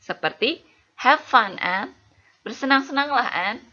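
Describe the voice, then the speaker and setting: A bright, clear-toned woman explains grammar in a patient teaching voice. She slows right down on each example sentence and keeps checking that her listeners follow. The recording is slightly muffled and lo-fi. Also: fairly high pitch, expressive. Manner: slow, deliberate example sentences. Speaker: English teacher. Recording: muffled lo-fi voice-over.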